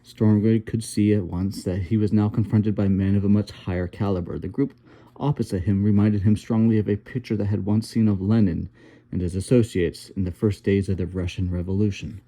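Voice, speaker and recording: A male audiobook narrator reads a novel at a steady, unhurried pace, stumbling over a word now and then. His voice sits low. The tone is very dark and mellow throughout. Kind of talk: reading a novel aloud.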